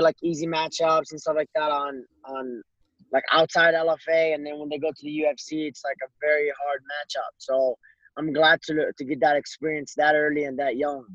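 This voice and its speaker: Halting young man from Morocco, guest. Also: a little high, fairly bright tone, no echo, lo-fi sound. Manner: loose, halting, full of "like". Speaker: guest fighter. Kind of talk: casual interview.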